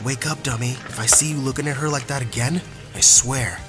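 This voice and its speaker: A man's voice: mid-range voice, fairly even intonation, brisk, over music, close to an everyday voice. A man voicing a cocky rich young man who mocks and threatens in a taunting way. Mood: threatening. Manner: taunting, sneering.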